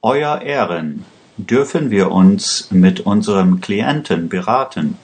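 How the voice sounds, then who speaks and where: A man voicing a sly, scheming defense lawyer who speaks smoothly. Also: on the low side, animated, slow pace, darkish tone.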